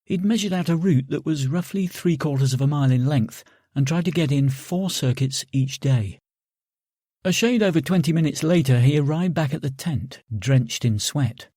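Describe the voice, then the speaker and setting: A man narrating an audiobook in a calm, steady reading voice, close to the mic. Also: on the high side, moderate pace, no room sound. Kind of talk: scripted narration.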